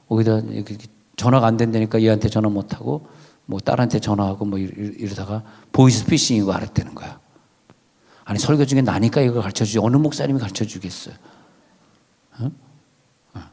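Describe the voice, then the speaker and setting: Guy pastor preaching, tells stories casual-like, bit of gravel in the voice, big echoey church. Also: lowish voice, a little fast, pauses often, dark tone. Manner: chatty storytelling with dramatized quotes. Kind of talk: sermon. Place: church sanctuary. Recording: reverberant church sanctuary.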